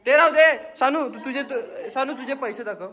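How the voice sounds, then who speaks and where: A man's voice: extremely high pitch, a little fast, pushed and bright. A man vlogging at home while playing with his little sisters, playful and coaxing, laughing often. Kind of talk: casual family vlog chat. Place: at home indoors.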